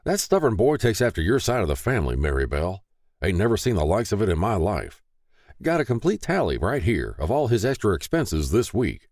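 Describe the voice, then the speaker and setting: A man voicing a gruff, devout rural father who blusters in a folksy way. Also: lowish voice, sing-song, a little fast, darkish tone, no echo, studio quality, voice pushed up. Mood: angry. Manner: folksy hollering with country sayings.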